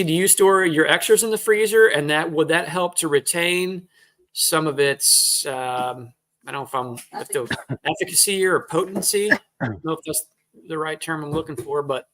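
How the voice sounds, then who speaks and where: A man hosting a relaxed evening chat show. He rambles and restarts his sentences, reads viewer comments aloud, and teases his guests with an easy humor. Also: a little high, normal speed. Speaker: host. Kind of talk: casual chat.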